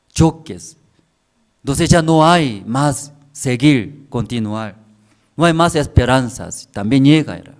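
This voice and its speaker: A middle-aged Korean man preaching a sermon as pastor in broken Spanish with a Korean accent, telling family stories, checking in with listeners and swinging between soft and loud. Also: medium pitch.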